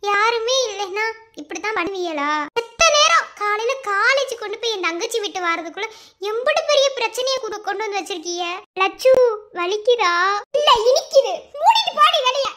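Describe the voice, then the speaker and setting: This woman performs the very high-pitched young village women of a family in a Madurai Tamil accent, dubbing an animated family cartoon. Her sharp, full character voice scolds in rapid village slang as the girls bicker and turn tearful.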